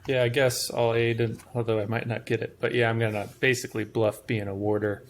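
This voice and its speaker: A man's voice: medium pitch, level tone, brisk, a little hiss or hum. A man chatting casually as a player in a tabletop roleplaying game.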